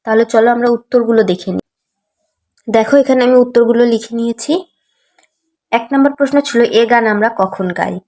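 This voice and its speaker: A woman's voice: on the high side, normal speed, long pauses, mellow. Patient woman teacher spelling aloud. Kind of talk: reading lesson for young children.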